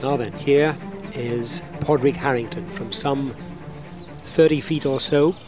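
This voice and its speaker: A man's voice: mid-range voice, steady tone, slow pace, over music. A man commentating live on golf as a commentator, building suspense in short running phrases.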